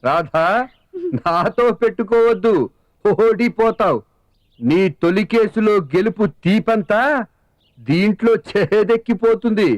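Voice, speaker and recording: An actor playing a blustering young lawyer husband who threatens and boasts, in film dialogue. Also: male voice, high-pitched, slow, no room sound, highs cut off.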